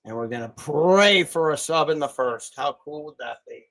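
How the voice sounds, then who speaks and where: A man's voice: fairly high pitch, animated, moderate pace, fairly bright tone. A man hosting a live fight stream, giving betting commentary and cheering the fighters on. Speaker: livestream host.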